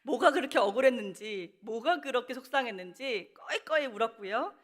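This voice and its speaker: A woman's voice: a little high, lively intonation, a little fast. A middle-aged woman speaking as a guest at a church prayer meeting, telling a personal testimony and acting out her past words, laughing and tearful. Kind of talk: testimony talk. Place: church sanctuary.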